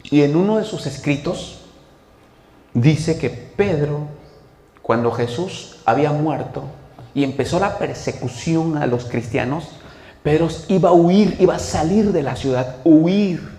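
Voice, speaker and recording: A man preaching a sermon as pastor, telling the story with lively acted-out voices. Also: on the high side, a little slow. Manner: animated storytelling, acts out quoted speech. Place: church hall. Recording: echoey church hall.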